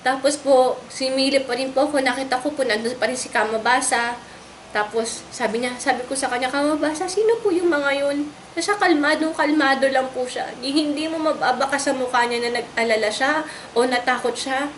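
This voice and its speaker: Young woman interviewee, high voice, earnest and polite, emotional testimony in a roomy space. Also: fairly quick. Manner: earnest and polite, re-enacting her own frightened shouts. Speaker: interviewee recounting a raid on her home. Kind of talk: emotional first-person testimony. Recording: roomy echo with faint background noise.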